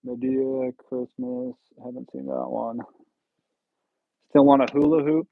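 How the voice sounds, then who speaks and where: A man in his thirties hosts a relaxed livestream, joking and teasing himself as he chats with his viewers. The sound is thin and phone-like. There is hardly any room echo, so his voice comes across close and dry. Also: mid-range voice, a little slow, gravelly. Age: 30s. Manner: jokey, rambling, self-teasing. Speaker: livestream host. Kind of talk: casual livestream chat with viewers.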